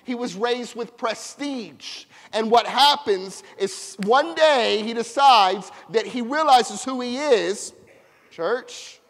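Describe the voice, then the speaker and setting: Pastor, male, high voice, slow deliberate sermon delivery, call-and-response, recorded in a reverberant church. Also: a bit bright. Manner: preaching with call-and-response to the congregation. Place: church sanctuary.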